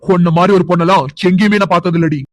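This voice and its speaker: A man's voice: high-pitched, steady tone, rapid-fire, no room sound, close to an everyday voice. A man voicing a contemptuous young husband in a cartoon drama, delivering scolding tirades. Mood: scornful anger.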